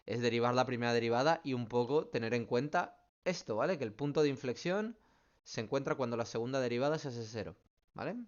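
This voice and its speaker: A math teacher in an online class works through student questions, speaking in a mid-range male voice at a slightly quick pace, with the high frequencies cut off. He's patient, explains each step in turn, and keeps checking in with "¿vale?".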